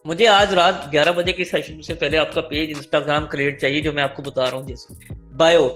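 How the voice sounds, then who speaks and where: A man leads a live online class, walking students through each step and checking in with "clear?" again and again. His voice sits a little high for a man. Soft music plays faintly behind him. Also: steady tone, normal speed. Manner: explains step by step, keeps asking students "clear?". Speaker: online marketing instructor. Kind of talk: live online class, teaching by screen share.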